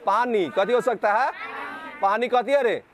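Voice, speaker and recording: A man's voice: very high voice, a little slow, background noise. A male physics teacher with a Bihari accent, lecturing a class and firing repeated questions at the students, sometimes scolding them.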